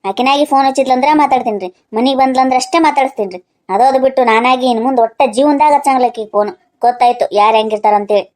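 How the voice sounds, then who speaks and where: A woman's voice: high-pitched, rapid-fire, a little mellow, natural voice. A woman voicing a chatty young niece in a cartoon who complains about a friend, speaking. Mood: complaining.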